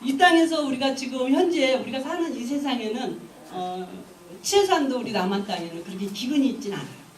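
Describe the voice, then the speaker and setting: High, lively woman preaching in an echoey hall. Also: a little fast, recorded from a distance. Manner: animated storytelling, exhorting. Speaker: evangelist. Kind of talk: sermon. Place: church.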